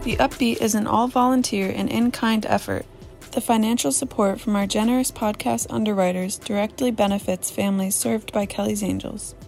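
Mellow, creaky woman announcer. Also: mid-range voice, steady tone, moderate pace, faint music behind. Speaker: sponsor announcer. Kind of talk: scripted sponsor read.

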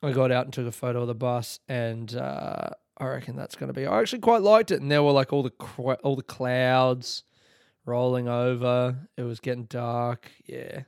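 A young Australian man chats on his own, rambling loosely with plenty of swearing and bursts of enthusiasm. His voice is smooth and clear, recorded close and dry with no room sound, and sits at a middling pitch. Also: steady tone, moderate pace, no echo. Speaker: podcast host. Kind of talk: casual solo chat.

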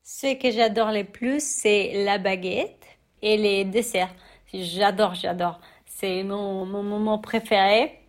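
Mexican woman, young adult, unhurried and halting, Spanish accent, interview guest. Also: medium pitch, steady tone. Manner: hesitant, many fillers and restarts. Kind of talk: interview testimony.

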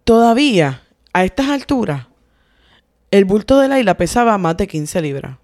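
A woman co-hosts a casual podcast, giving her opinions conversationally. Her pitch is middling and the sound is close and dry, without room echo. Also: sing-song, moderate pace, a little mellow. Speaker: podcast co-host.

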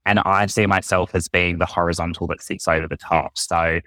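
A man with an Australian accent, a podcast guest and futurist, explaining his work in long, measured run-on sentences. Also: low voice, fairly even intonation, pushed and bright, dry recording. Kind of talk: casual interview talk.

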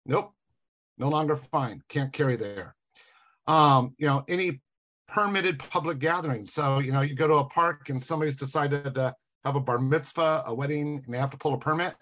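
A man's voice: medium pitch, a bit bright. A man on a talk show, explaining rules in a casual way with some sarcasm. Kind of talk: casual chat.

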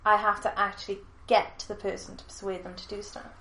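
A woman co-hosting a casual podcast chat, talkative and quick to laugh. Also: medium pitch, flat delivery, fairly bright tone. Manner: chatty, laughs often. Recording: echoey room.

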